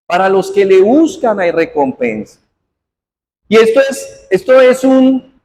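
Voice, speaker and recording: A man preaching a sermon, reading scripture aloud and prompting the congregation with questions. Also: high-pitched. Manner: asks the congregation questions as he reads; uses formal usted address. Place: church hall. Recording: hall reverb, faint noise.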